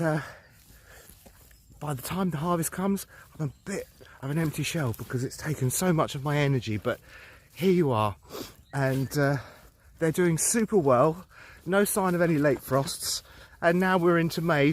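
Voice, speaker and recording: A man with a high-pitched voice walks through open fields talking to his handheld camera, a bit out of breath. His delivery is playful and mock self-important, like a reporter filing a tongue-in-cheek update. He sounds middle-aged. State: slightly out of breath from walking. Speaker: vlogger. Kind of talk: walking vlog to camera, mock news report. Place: outdoors in fields and vineyards.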